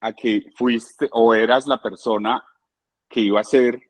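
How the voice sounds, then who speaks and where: A man's voice: medium pitch, fairly even intonation, measured pace. A man in casual chat who keeps trying to break in, stumbling over restarts.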